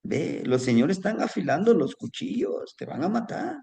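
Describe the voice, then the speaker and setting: A man's voice: high-pitched, very animated, normal speed, creaky, mellow, pitched above the performer's own voice, exaggerated voice. Man doing a wise, warning donkey. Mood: earnest. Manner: earnest, admonishing. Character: wise patient male donkey, warning friend.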